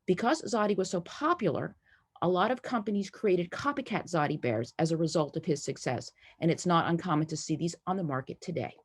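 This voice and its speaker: A woman's voice: lowish voice, lively intonation, brisk, husky. A woman from the United States giving a friendly, enthusiastic presentation over slides from home. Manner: friendly, enthusiastic, lightly playful. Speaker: collector presenting a talk.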